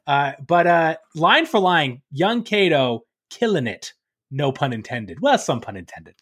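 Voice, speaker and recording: Lively, animated male podcast co-host. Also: fairly high pitch, a little slow, slightly rough. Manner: lively, bursts into loud dramatic reading. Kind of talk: casual chat about a play.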